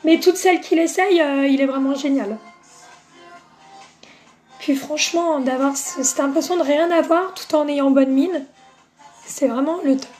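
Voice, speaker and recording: A woman's voice: sits high, measured pace, pauses often, darkish tone, faint music behind. A woman hosting a makeup live stream, chatting casually with viewers and greeting them by name, with plenty of fillers.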